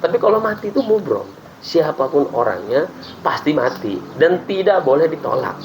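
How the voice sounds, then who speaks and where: A man who teaches religion, explaining Islamic ideas in a relaxed podcast chat and acting out prayers as he talks. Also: fairly high pitch, normal speed, noisy background. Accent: Indonesian. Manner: lively explaining with acted-out prayers and laughs.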